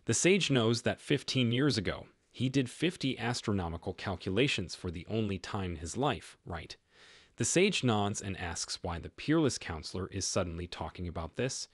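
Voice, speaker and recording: Male recap narrator, low and husky, dry close read, steady scripted delivery. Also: moderate pace, no echo.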